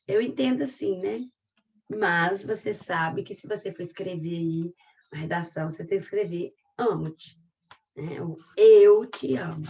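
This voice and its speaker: A woman's voice: medium pitch, recorded from a distance. A woman teacher from Minas Gerais with a Mineiro accent, chatting her way through a recorded class and searching aloud for pages. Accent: Mineiro Brazilian Portuguese. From Minas Gerais, Brazil. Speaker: literature teacher.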